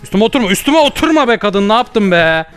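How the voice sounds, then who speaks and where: A young man giving jokey, excitable gameplay commentary with loud comic outbursts. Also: sits high, quick pace, clean tone. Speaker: gaming YouTuber. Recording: faint background music.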